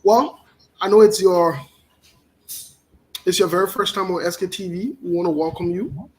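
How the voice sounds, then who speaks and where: A man hosts an interview in a casual, friendly way. His voice sits notably high for a man. He talks loosely, with fillers between his phrases. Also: moderate pace, slight background noise, poor audio. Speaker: interview host.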